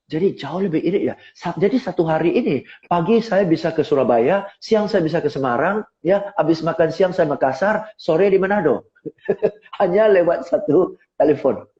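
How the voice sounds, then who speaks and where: Middle-aged guy coaching sales on a video call, lively, a bit high voice, kinda muffled audio. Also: normal speed. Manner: lively, rhetorical, asks listeners to agree. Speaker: seminar speaker and sales coach. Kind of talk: live online talk. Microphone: phone on a tripod.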